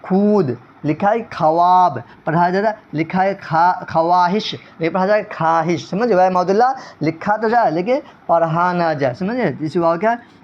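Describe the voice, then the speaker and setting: A male teacher giving an online grammar lesson, repeating each point and often checking whether students understood. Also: sits high. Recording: dull lo-fi recording.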